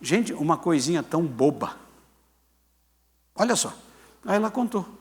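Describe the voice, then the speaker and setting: A man's voice: on the high side, unhurried. A man in his sixties, a pastor telling a story in a sermon, acting out the voices of the people in it. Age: 60s. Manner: animated storyteller, acts out quoted voices.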